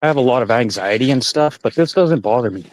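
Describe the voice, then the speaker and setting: Canadian man in his 40s, live-stream hiking vlogger, rambling profane chatter, dry close sound, mid pitch. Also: animated, fast, no room sound, rough recording. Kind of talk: casual live-stream chat while hiking. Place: outdoors on a forest trail.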